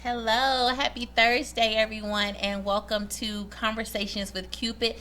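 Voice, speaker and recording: A woman's voice: a little high, level tone, measured pace, background noise. A woman who works as a matchmaker and dating coach, hosting a radio talk show in an upbeat, chatty way with many fillers.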